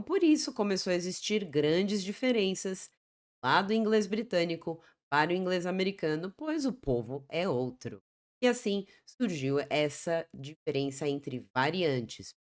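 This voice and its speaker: Uma mulher, professora de inglês com sotaque brasileiro, dando uma aula explicativa em português e repetindo palavras de exemplo devagar. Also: female voice, mid-range voice. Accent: Brazilian Portuguese. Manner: explanatory, repeats example words slowly. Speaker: English teacher. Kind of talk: Portuguese-language English lesson.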